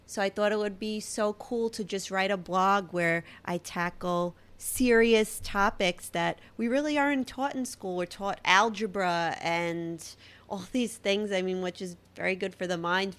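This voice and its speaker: A woman's voice: mid-range voice, normal speed, fairly bright tone. A woman in her thirties with a Brooklyn accent, hosting a solo podcast in a chatty, self-deprecating way. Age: 30s. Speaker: podcast host. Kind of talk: casual solo podcast talk.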